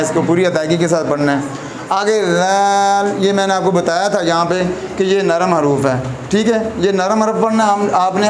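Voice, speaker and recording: Male Quran teacher at a whiteboard, fairly high voice, patient and repetitive; echoey room, audible background noise. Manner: patient, repeats points, often checks with "theek hai". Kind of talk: whiteboard lesson on letter pronunciation.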